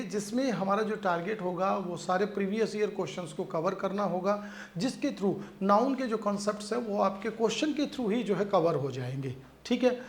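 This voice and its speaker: A man teaching an exam-prep grammar lesson. He explains in Hindi, mixes in English phrases, slows down to read the example sentences and often checks in with his students. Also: high-pitched. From India. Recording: echoey room with faint background noise.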